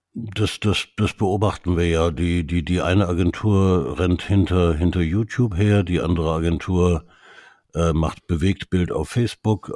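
A Canadian man whose first language is English appears as a media expert guest in a casual expert conversation. His low, husky, mellow voice is hesitant, full of restarts and fillers, captured in clean studio sound with no room noise.

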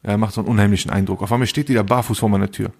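A man's voice: lowish voice, steady tone, racing, vocal fry, darkish tone. A man co-hosting a podcast, telling a story in a casual, slangy way and acting out both sides of the dialogue. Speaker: podcast co-host.

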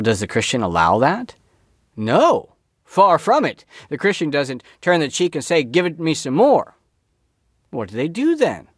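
A man's voice: medium pitch, no echo, studio quality. A man, a school director, giving an informal teaching talk with emphatic delivery and rhetorical questions.

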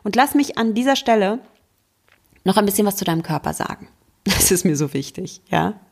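Female mindfulness coach, podcast host; breathy, gentle, encouraging, speaks directly to the listener. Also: medium pitch, animated, brisk. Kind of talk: self-help podcast talk.

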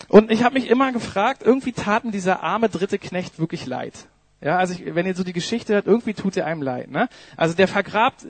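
A man's voice: high-pitched, breathy edge, dry recording. A man preaching a sermon in a conversational way, asking the congregation questions and adding "ne?" often.

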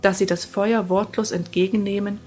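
A woman narrating a fairy tale in a calm, measured storybook reading. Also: medium pitch, faint music behind.

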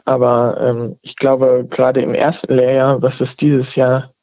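A man's voice: medium pitch, completely flat delivery, measured pace, darkish tone. A man in his twenties calling in over the phone to a radio talk show, speaking hesitantly and hunting for words. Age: 20s. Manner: hesitant, searching for words with many fillers. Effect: heard over the phone. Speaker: caller. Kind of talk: casual call-in chat. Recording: dull, lo-fi phone line.

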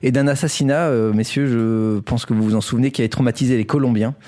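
A man's voice: medium pitch, steady tone, fast talker, mellow. A man hosting a casual sports podcast, telling a story with many fillers and restarts. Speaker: podcast host.

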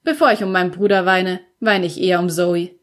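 A woman's voice: on the low side, fairly even intonation, fairly quick, lightly acted. A woman reading an audiobook, voicing a cool, sardonic teenage boy who is grieving his brother, with a dry, offhand delivery. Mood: quiet.

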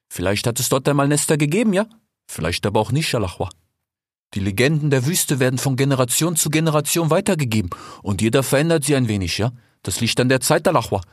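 A man playing a husky, chatty desert fox. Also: medium pitch, lively intonation, brisk, no echo, clean studio sound. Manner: chatty, ends phrases with 'ja?'. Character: male desert fox, talkative merchant. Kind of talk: audiobook fairy tale.

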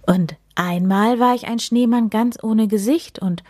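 A woman's voice: fairly high pitch, unhurried, darkish tone, no room sound, studio quality, pitched above the performer's own voice. Jack, a woman voicing a kindly snowman spirit. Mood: amused. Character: friendly magical male snowman spirit. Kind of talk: storybook read-aloud.

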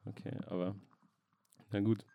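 A man's voice: lowish voice, level tone, gravelly, mellow, no echo. A young man from near Oldenburg, hosting a casual podcast interview in a hotel room and filling his talk with "so, ne?". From Germany, near Oldenburg. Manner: fast, chatty, many fillers like "so, ne?".

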